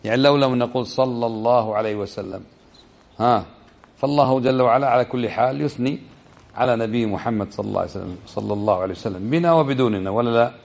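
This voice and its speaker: A man giving a religious lesson, explaining step by step and checking the listeners with quick questions, slowing down over quoted verses. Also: mid-range voice, vocal fry, darkish tone. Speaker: religious teacher.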